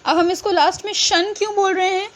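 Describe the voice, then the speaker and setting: A woman's voice: very high voice, fairly even intonation, fairly quick. A woman with an Indian accent teaching English pronunciation, mixing Hindi and English and answering her own questions. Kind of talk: pronunciation lesson.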